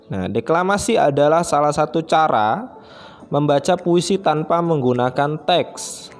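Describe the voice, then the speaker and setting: A man who is a primary school teacher, giving a friendly, chatty online lesson to children and often starting phrases with a filler. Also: fairly high pitch.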